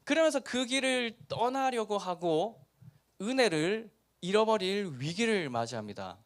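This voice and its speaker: A middle-aged pastor from Busan, speaking with a Busan dialect and preaching a lively youth sermon that acts out the story's characters. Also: male voice, high-pitched, a little slow. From Busan, South Korea. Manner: animated storytelling, acting out characters.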